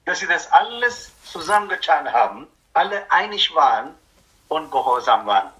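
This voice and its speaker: A man preaching a lively sermon as a pastor, speaking German with a non-native accent, acting out grumbling churchgoers and tagging questions onto his points. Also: fairly high pitch, normal speed, low-quality recording. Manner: animated, acts out objecting churchgoers, frequent tag "ja?".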